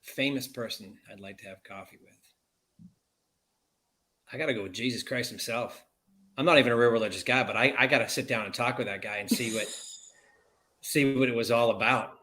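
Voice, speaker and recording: A man's voice: medium pitch, normal speed, long pauses, sharp tone. A middle-aged man answering as an interview guest, plainspoken and sarcastic, laughing at himself.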